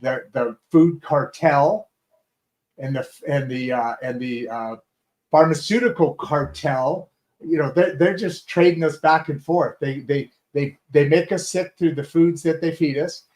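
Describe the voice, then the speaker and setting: A slightly high, darkish male voice hosts a talk show at an unhurried pace. He chats casually while introducing his guest, rambling with lots of restarts and fillers. He's recorded through a video call setup in a home studio.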